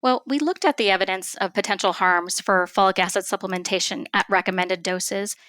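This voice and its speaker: As a physician interviewed for her expertise, this woman gives measured, formal, precise explanations. She has a mid-range, fairly bright voice, captured in a dry recording.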